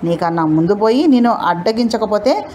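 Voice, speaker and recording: A woman's voice: mid-range voice, lively intonation, brisk, a little mellow, slight background noise, natural voice. A woman voicing a boastful bus driver.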